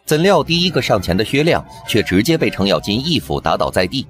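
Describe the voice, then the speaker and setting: A man narrating a TV drama recap in brisk scripted storytelling. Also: mid-range voice, sing-song. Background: background music.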